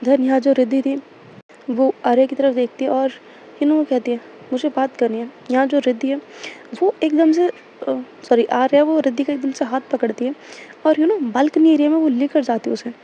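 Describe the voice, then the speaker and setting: A woman tells a story in a loose, rambling way, often correcting herself and leaning on fillers. Her voice is high and mellow. The recording is dull and lo-fi with a faint hiss. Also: fairly even intonation, normal speed. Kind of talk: casual audio story narration.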